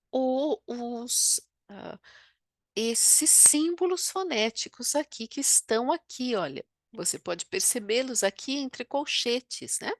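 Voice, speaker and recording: A woman from Brazil with a Brazilian Portuguese accent teaches French pronunciation online, explaining and often checking in with tag questions. Her voice is high, captured on a computer microphone while she draws with a mouse. The sound is studio quality with no echo.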